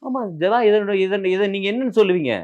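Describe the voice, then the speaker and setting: Man, high-pitched, combative, rhetorical questions, political interview guest. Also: lively intonation, fast talker, highs cut off.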